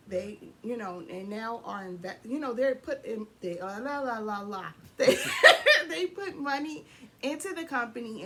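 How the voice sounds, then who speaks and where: Hoarse chatty woman co-hosting. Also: medium pitch, slight background noise. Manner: chatty, laughs often, clears throat. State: hoarse, losing her voice. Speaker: co-host of a couple's channel. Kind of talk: casual chat.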